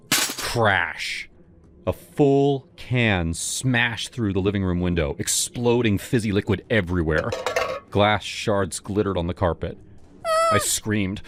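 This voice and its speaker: A man narrating a horror story in the first person, in a dramatic, expressive way. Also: low voice.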